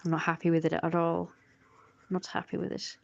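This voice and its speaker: A woman with a fairly low, monotone, creaky voice talks a little fast over dull audio. She's a streamer and artist chatting casually on a livestream while she draws, rambling and putting herself down.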